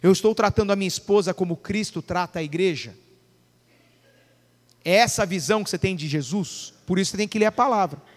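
A man preaches in a strikingly high voice, throwing questions at his congregation and waiting for answers. His voice rings with long reverb through a church hall. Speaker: pastor. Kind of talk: sermon.

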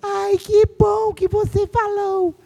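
A man voicing a timid, overly gentle female schoolteacher in a high, soft, pleading voice. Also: little pitch movement, slow pace, vocal fry, big-room sound, full character voice. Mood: meek.

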